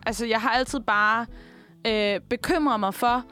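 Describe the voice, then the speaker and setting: A woman's voice: on the high side, pushed and bright, faint music behind. A woman in a casual chat, reacting to a friend's story and explaining herself hesitantly.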